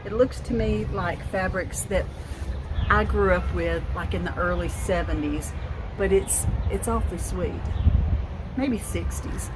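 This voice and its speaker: A thrift haul vlogger from the US, in her fifties, talks casually at home about what she found, rambling and restarting often. Her voice is on the low side and a little slow, with noise in the background.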